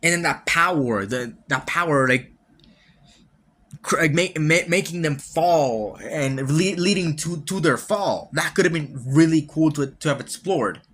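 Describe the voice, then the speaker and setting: On his solo podcast, this man reviews a game at an unhurried pace, his voice on the high side and fairly bright. The chat is loose and rambling, with plenty of restarts, casual cursing, and wry chuckles between his points.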